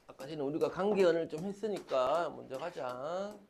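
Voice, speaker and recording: A man's voice: fairly high pitch, normal speed, darkish tone, slight background noise. A man teaching a grammar class, repeating key terms and calling on students to read. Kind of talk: classroom lecture.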